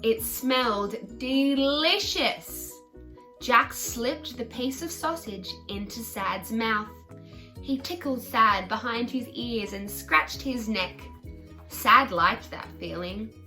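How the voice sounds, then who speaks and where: Bright, slow-paced woman reading to children. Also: on the high side, lively intonation, soft background music, rough recording. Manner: slow, simple, child-directed storytelling. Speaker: children's storyteller. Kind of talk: reading a picture book aloud to children.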